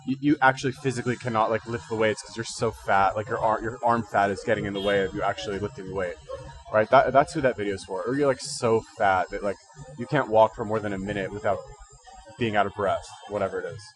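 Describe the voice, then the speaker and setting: Freshly out of bed, a livestream host with a slightly stuffy voice gives fitness and diet advice, thinking out loud in loose, slangy language. His voice sits on the low side with a steady tone, and he talks fast.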